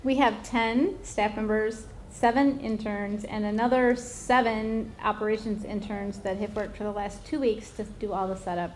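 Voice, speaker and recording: A woman's voice: medium pitch, steady tone, moderate pace, few pauses, darkish tone, a little hiss or hum. A middle-aged woman giving brief answers as an interview guest on stage. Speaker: festival executive director being interviewed. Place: event tent stage.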